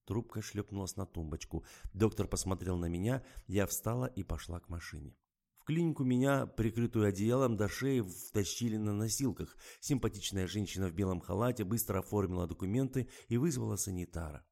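Male audiobook narrator, low voice, even subdued tone. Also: a little fast, creaky. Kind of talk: scripted narration.

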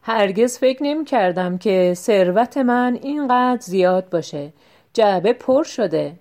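A woman voicing a clever, scheming husband who speaks loudly on purpose so that hidden listeners can hear him. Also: a little high, lightly acted. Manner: loud and emphatic, staging talk for eavesdroppers. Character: clever scheming husband, middle-aged man.

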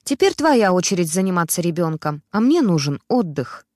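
A woman voicing a demanding young mother who shouts and scolds her husband. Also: on the low side, big pitch swings, moderate pace, no room sound, studio quality. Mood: whiny. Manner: loud, scolding, insistent.

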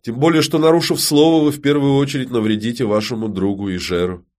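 A man's voice: medium pitch, fairly even intonation, darkish tone, pitched above the performer's own voice, lightly acted. A man voicing a young woman witch who speaks politely but firmly. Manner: polite, measured.

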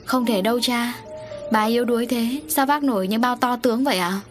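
A woman voicing a young adult daughter who is frightened and anxious, speaking high and breathless. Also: fairly even intonation, brisk, over music, natural voice.

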